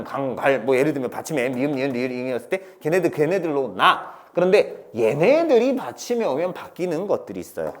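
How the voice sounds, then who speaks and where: A male teacher giving an online grammar lecture to students, asking questions and answering them himself in a playful, chatty way. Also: mid-range voice. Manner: lively, asks and answers his own questions, playful sound words.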